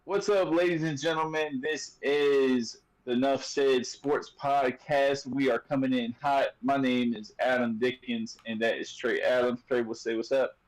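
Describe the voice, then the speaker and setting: A man hosts a casual sports podcast, joking his way through the topics. His voice sits at an everyday middle pitch. He talks loosely, with plenty of fillers and restarts. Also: fairly even intonation, measured pace, hardly any pauses, rough recording. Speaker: podcast host.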